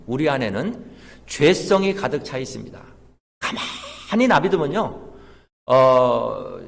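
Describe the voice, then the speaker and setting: A male pastor of middling pitch delivers a sermon in a church sanctuary. He tells stories and builds to emphatic peaks. A long hall reverb rings after his words. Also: creaky. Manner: storytelling, emphatic build-ups.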